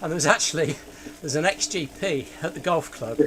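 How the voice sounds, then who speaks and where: A man's voice: on the high side, a little fast, pushed and bright. A man hosting a casual chat, listening sympathetically and chiming in with short replies. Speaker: podcast host. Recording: faint background noise.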